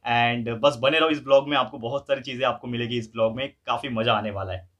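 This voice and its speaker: A man in his thirties hosts a vlog, chatting casually to a phone camera held at arm's length in an indoor room and a gym. Easygoing and talkative, he mixes English words into his Hindi. His voice is medium-pitched and fast, with fairly even intonation.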